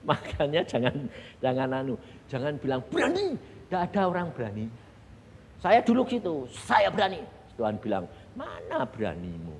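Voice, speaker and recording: A male preacher with a Javanese accent tells his testimony in a sermon, his slightly high voice leaping wildly in pitch. He drops to hushed asides and then bursts into loud exclamations. The sound carries a long hall reverb over faint background noise. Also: huge pitch swings, moderate pace.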